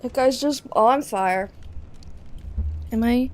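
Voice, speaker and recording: A young woman with a slow, slightly mellow voice on the high side chats casually while streaming a game. She rambles and swears occasionally, speaking into a cheap desk mic mounted on an arm.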